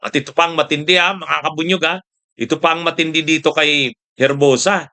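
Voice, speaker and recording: A man's voice: fairly high pitch, fairly even intonation, normal speed, pushed and bright. A man hosting a casual political commentary show, mocking his subject, laughing often, tossing in short questions and repeating his points for emphasis.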